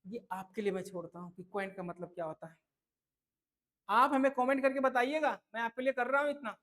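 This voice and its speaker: In a casual tutoring lesson, a man teaches English vocabulary for an exam, chatting easily and checking in with listeners by repeating "है ना?" and "ठीक है." His voice is extremely high-pitched and fairly bright, and he speaks briskly.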